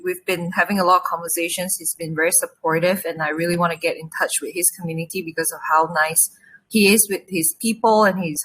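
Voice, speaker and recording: Woman, crisp bright tone, breathy edge, eager with many ums. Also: lowish voice, rough recording. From Malaysia. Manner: earnest, quick, with frequent fillers. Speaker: crypto project founder. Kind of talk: online AMA interview.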